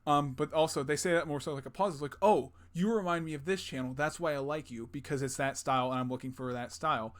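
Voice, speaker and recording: A young man with a slightly high voice co-hosts a podcast in loose, casual chat. He rambles through his points, swears freely and breaks into laughter often. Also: quick pace, hardly any pauses. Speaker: podcast co-host.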